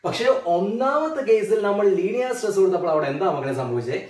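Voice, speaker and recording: A man with a Malayali accent teaching a physics lesson. He keeps asking his students questions and repeats the key terms slowly. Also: high-pitched, sing-song, a little mellow. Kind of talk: classroom lecture. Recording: echoey room, mic a bit distant.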